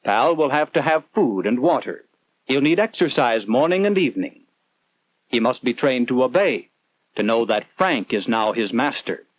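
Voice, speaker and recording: On an old film soundtrack, a man narrates a scripted 1940s instructional film, telling the story in an earnest, conversational way and posing questions to the viewer. His medium-pitched voice is sing-song at a normal speed, with no echo and the highs cut off.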